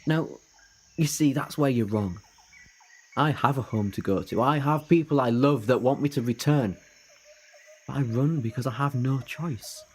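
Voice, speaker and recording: In a fan audio drama, a man plays an eager, ageless time-travelling adventurer, earnest and persuasive with flippant asides, in a wistful, confessional mood. His mid-range voice moves at a moderate pace with a breathy edge, and the acting is light.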